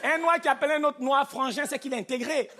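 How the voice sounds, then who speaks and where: A man with a Cameroonian French accent performing stand-up comedy on a theatre stage, animated and punchy, mimicking voices. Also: extremely high pitch, quick pace. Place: theatre stage with live audience. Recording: live show with faint crowd and noise. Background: audience laughter.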